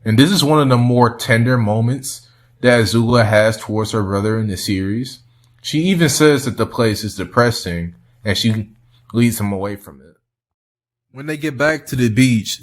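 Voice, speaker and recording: Young male host, casual commentary, frequent chuckles, mid pitch. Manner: chuckles while talking. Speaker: video host.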